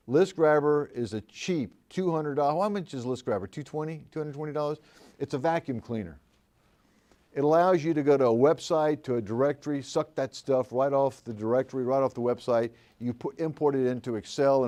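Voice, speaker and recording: A man's voice: mid-range voice, a little mellow. An older man teaching commercial real estate agents at a live seminar, telling folksy stories and asking the room questions. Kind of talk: live seminar talk to an audience.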